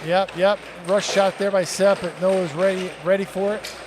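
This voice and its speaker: A high-pitched man calls the action as a live air hockey commentator, upbeat and quick with his affirmations. He repeats words as he goes. The audio is noisy, with a tournament venue humming behind him. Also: little pitch movement.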